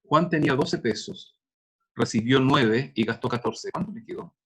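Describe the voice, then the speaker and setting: A man's voice: medium pitch, normal speed, slight background noise. A middle-aged man gives a university lecture in a conversational way, working through examples with frequent hesitations. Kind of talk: recorded lecture on neuropsychology.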